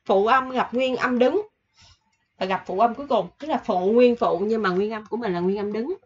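Husky-voiced woman teaching casually. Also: a little high, muffled recording. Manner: chatty, repeats examples slowly with fillers. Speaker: Korean language teacher. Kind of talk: casual online lesson.

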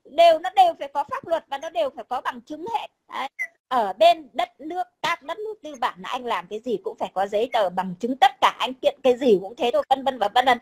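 A woman's voice: sits high, lively intonation, fast, poor audio. A woman, talking bluntly and combatively in casual chat, swearing freely. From Vietnam. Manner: blunt, combative, swears, keeps repeating a tag word. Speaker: overseas Vietnamese guest.

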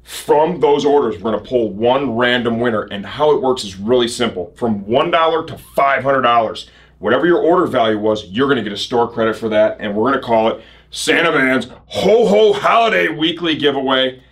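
A man in his thirties hosts a casual shop sales video. His voice is mid-pitched, with upbeat, punchy salesman phrasing. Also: animated, fairly quick. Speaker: host of a motorcycle gear shop show. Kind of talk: casual sales promo presenting. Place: indoor shop set.

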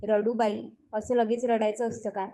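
A woman's voice: on the high side, level tone, normal speed, mellow, lightly acted. Woman voicing an earnest young husband. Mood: tender. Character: young husband, stern then tender. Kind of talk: audio story reading.

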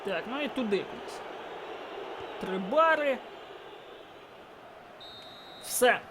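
A man with a very high voice calls his own football video game match as he plays. He talks through every pass, then bursts into shouting when a goal or a chance comes. A faint hiss of noise sits under his voice. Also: slow pace. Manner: excitable, shouts at goals and chances. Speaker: gaming YouTuber. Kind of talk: live game commentary.

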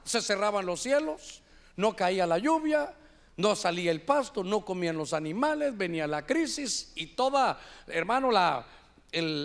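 High-voiced Honduran man preaching. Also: gravelly. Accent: Honduran Spanish. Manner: preaching to a congregation, animated, addresses listeners as "hermano". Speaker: pastor. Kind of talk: sermon. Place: church.

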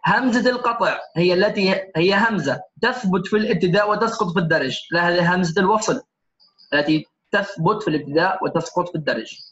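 A man's voice: sits high, fast talker, fairly bright tone. A man teaching Quran recitation, going over test answers one by one and often checking in with "okay?". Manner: corrects answers one by one, often asks "تمام؟". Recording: echoey room, slightly dull lo-fi sound.

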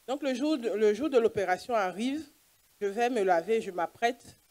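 A woman's voice: fairly high pitch, lively intonation, moderate pace, darkish tone. Woman doctor telling her testimony. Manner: earnest storytelling, plays out dialogue. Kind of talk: church testimony.

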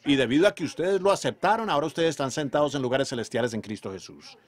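A man delivering a fervent sermon in a voice pitched a little high. He drives his points home emphatically, then drops to a hushed tone for personal stories. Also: quick pace. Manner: emphatic, swings from loud declarations to quiet storytelling. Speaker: preacher.

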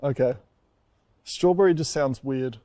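A man in casual chat, teasing and playful in quick banter. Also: medium pitch, warm tone, dry recording.

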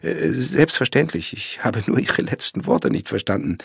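A nervous male lawyer, voiced by a man reading aloud, stalls and hedges with halting words. His voice sits higher and breathy-husky, with a rasp. The sound is dry and close. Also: expressive, no room sound, heavily acted. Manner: hesitant, nervous. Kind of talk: audiobook reading.

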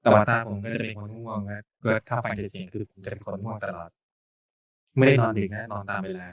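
Low-voiced man hosting a casual podcast. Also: flat delivery, fast. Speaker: podcast host. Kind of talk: casual podcast chat introducing a channel.

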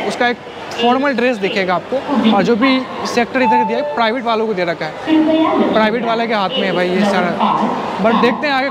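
A young man in his twenties chatting casually to viewers in a travel vlog, recorded on a lapel mic at a busy railway station. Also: high-pitched. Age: 20s. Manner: chatty, keeps calling viewers "bhai". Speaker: travel vlogger. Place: busy railway station platform and food court, indoors and out. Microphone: clip-on lapel mic and handheld camera. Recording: loud station noise behind.

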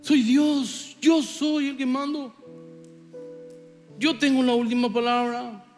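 High-voiced Paraguayan pastor preaching. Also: male voice, fairly even intonation, slow pace, darkish tone, in a large hall, soft background music. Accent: Paraguayan Spanish. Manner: theatrical, acts out whining characters and God's replies. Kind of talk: sermon. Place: church sanctuary.

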